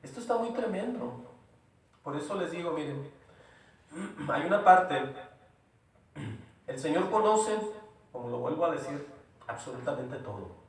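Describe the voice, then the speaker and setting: Man, preacher, high voice, emphatic and repetitive, sermon, heard from a distance in a booming echoey church. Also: lively intonation, unhurried, long pauses. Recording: very echoey room, voice from far off.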